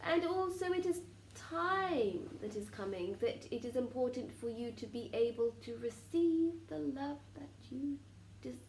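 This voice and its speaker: A woman speaking as a trance channelling medium, delivering spiritual messages in a solemn, oracular way with formal phrasing and deliberate pauses. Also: sits high, expressive, a little mellow. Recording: roomy echo with faint background noise.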